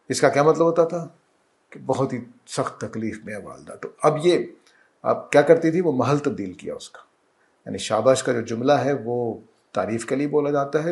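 A man giving a calm, explanatory Quran commentary lecture, slowing down to recite Arabic verses. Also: medium pitch, gravelly. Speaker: religious teacher.

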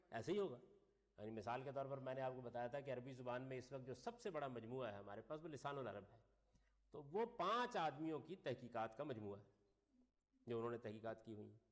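A man giving a classroom lecture, reading Arabic phrases and then explaining them while putting questions to his class. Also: mid-range voice. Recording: long reverb of a lecture hall.

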